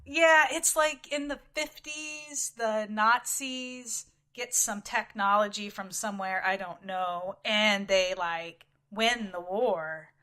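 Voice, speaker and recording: Chatty bright-voiced woman co-host. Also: mid-range voice, takes it slowly, hardly any pauses, smooth. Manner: rambling storyteller, animated, says "like" often. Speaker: podcast co-host. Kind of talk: casual chat.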